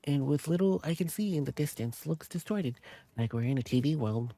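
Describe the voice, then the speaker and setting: Streamer reading a game story out loud, laughing a lot, mellow dry close sound. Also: medium pitch, animated, brisk, no echo. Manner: giggly, chatty asides between lines. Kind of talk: reading a visual novel aloud with commentary.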